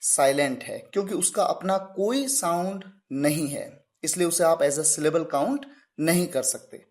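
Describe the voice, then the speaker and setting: A man's voice: fairly high pitch, a little slow, darkish tone. A man teaching an English grammar lesson. He spells words out letter by letter and answers his own questions. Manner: poses questions and answers them himself.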